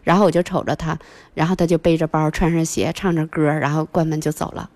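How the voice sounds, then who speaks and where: A woman guest tells a family story fast and with animation, acting out the voices of the people in it. Her voice sits a little low for a woman. It is recorded dry, with no room sound. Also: no room sound. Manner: animated storyteller who acts out quoted voices. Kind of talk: casual chat, telling a family story.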